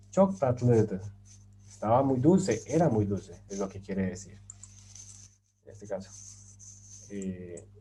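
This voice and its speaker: A man in a relaxed, mellow register walks through a grammar lesson, stopping often to check that his listeners follow. His explanations are patient and full of small pauses and fillers. A faint background noise stays under the voice. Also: medium pitch, poor audio. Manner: patient, rhetorical questions, many fillers. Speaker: language teacher.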